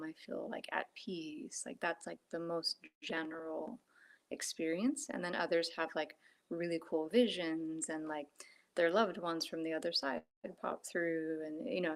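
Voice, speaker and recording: Speaking from home on a phone video call, the woman, a Reiki practitioner, keeps her voice low and soft. Her casual talk is full of fillers, and at times she lowers it to a whisper.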